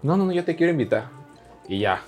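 A man's voice: fairly high pitch, big pitch swings, fast, darkish tone, faint music behind. Crude joking Mexican man telling a story. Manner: crude, joking, acts out dialogue. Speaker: podcast guest. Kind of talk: casual storytelling.

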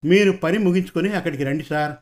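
Male narrator doing a courteous young bystander for an audio story; humble and polite, voice a bit high. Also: fast, lightly acted. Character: polite, deferential young man on a motorbike.

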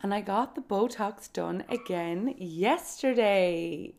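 A woman in her twenties from County Kerry, Ireland, hosts a podcast where she chats informally by herself and confides personal stories. Her southwest Irish accent comes through a medium-pitched, slightly mellow voice that takes things slowly.

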